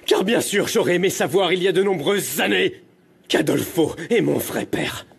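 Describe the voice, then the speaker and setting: A man's voice: high-pitched, moderate pace, gravelly. A young son shielding his mother. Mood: hurt. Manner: urging calm, pleading. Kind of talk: dubbed telenovela acting.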